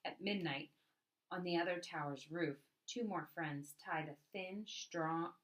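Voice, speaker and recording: In a rough recording, a deep-voiced woman narrates a picture book with lots of expression, leaning dramatically on important words as a storyteller.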